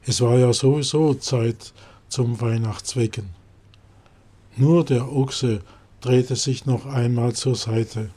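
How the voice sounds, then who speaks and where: A man narrating a storybook tale in a calm, measured reading. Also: medium pitch, breathy edge.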